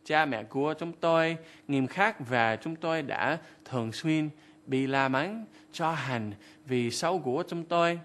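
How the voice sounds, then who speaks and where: A man teaches vocabulary on television at a slow, careful pace. His fairly high voice reads example sentences and explains what they mean. The delivery stays calm and explanatory. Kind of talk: scripted lesson explanation.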